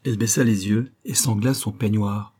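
A man narrates a novel in a measured, even manner. His voice sits low, with a dark, husky tone. It is a plain scripted audiobook reading.

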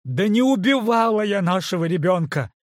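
A man's voice: mid-range voice, animated, slow, slightly rough, no room sound, clean studio sound. A man voicing a desperate pregnant young woman who pleads and cries out in an audiobook. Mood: shouting. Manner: pleading, breaking into shouts.

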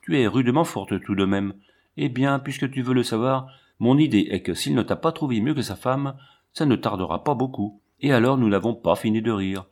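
A man's voice: mid-range voice, moderate pace, a little mellow, natural voice. A man reading the part of a sly, teasing young man.

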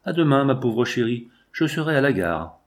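A man's voice: mid-range voice, big pitch swings, normal speed, natural voice. A man voicing a drowsy, sentimental old aunt who speaks in a faint, mournful way. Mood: tearful.

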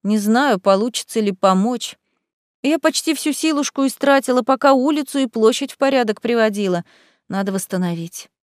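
A woman's voice: on the high side, animated, normal speed, dry recording, natural voice. Woman doing a frank young witch, cheeky and kind, storybook, dry close mic.

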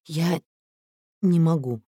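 A man's voice: on the high side, warm tone, husky, no echo, clean studio sound, voice pushed up. A man putting on a trembling, tearful young woman. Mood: halting. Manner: hesitant, halting, trembling. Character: distraught young woman chess player, fragile and tearful.

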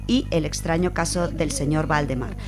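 Over background music, a woman with a Spain Spanish accent hosts a casual radio piece about someone's life, speaking loosely from notes. Her voice sits low, steady in tone and moderate in pace, and she addresses listeners in a familiar way with colloquial asides.

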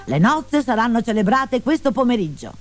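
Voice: mid-range voice, sing-song, moderate pace, faint music behind, voice pushed up, close to an everyday voice. Blustering miserly old merchant, commanding, voiced by the narrator. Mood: jovial. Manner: blustering, bossy. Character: stingy older merchant father, blustering.

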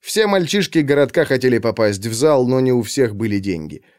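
A man narrating a crime audiobook with expressive storytelling. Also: mid-range voice, fairly quick, no echo, studio quality.

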